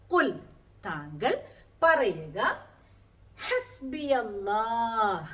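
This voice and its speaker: Slow, lively-voiced woman teaching. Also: a little high. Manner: slow, word-by-word explanation with rhetorical questions. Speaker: Quran teacher. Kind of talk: Quranic Arabic lesson.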